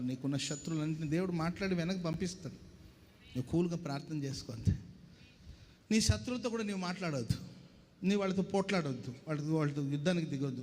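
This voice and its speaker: A man's voice: fairly high pitch, darkish tone, big-room sound, a little hiss or hum. A male pastor preaching a sermon, calling on the congregation to answer and acting out the people he quotes. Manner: preaching, calls for congregation responses, acts out quoted voices.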